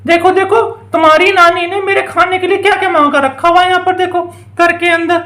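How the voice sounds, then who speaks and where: Woman voicing a sulking village mother, scolding, bargaining, very high-pitched, roomy echo. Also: steady tone, a little fast, sharp tone. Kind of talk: toy doll story voice acting.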